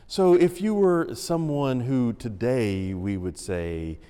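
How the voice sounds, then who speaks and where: A man preaching a sermon as senior pastor, in a measured, emphatic way. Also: mid-range voice, dark tone, smooth. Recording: long reverb of a large room.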